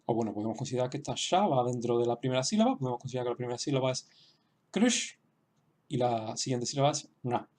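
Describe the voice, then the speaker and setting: A man explaining a writing lesson slowly, with frequent fillers and restarts. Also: medium pitch, darkish tone. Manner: hesitant, many restarts and fillers; slow, explanatory. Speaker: language teacher. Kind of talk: online lesson.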